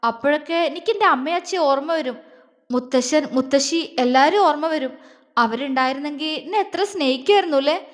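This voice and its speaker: A woman's voice: sits high, brisk, long reverb tail, close to an everyday voice. A woman voicing a young wife in a romance story, confiding her feelings in a tearful, heartfelt way.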